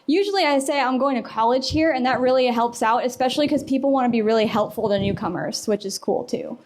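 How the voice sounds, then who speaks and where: Woman, young adult, conference presenter, casual and chatty, fairly high voice, stage mic. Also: fast talker. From US Midwest and South. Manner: chatty, filler-heavy, acts out quoted dialogue. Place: conference room.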